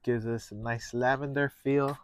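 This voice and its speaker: A man hosting a painting lesson, talking through each step casually in a gentle, encouraging manner. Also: medium pitch, steady tone, moderate pace, clear, resonant tone. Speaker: painting instructor and show host.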